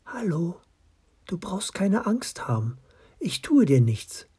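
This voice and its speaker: An eager, curious young fox boy speaks up in a high, breathy voice, as a man reading a storybook puts him on. He sounds kind and excited, well above the reader's natural pitch. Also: moderate pace, heavily acted. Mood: gentle. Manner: eager, sometimes whispering.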